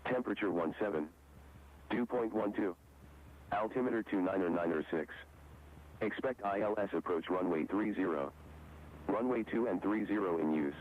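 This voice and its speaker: A man reading a recorded airport weather broadcast in a steady, measured recital of figures, heard over the aircraft radio. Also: fairly low pitch. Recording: tinny radio transmission with faint hiss.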